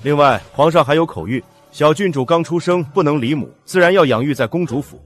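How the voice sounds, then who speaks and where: A palace envoy , played by a man, delivers an imperial decree in a period drama. His voice is fairly high and formal, with music playing behind it. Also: brisk, lightly acted. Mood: official. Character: formal palace envoy relaying an emperor's verbal edict.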